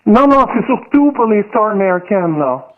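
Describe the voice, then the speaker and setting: A woman's voice: sing-song, moderate pace. A woman in her fifties with a Québécois accent, calling in to a radio show through a voice changer, chatty and mixing in English phrases. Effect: voice changer pitching her voice up. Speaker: anonymous guest caller. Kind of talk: casual radio phone chat. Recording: phone-line call.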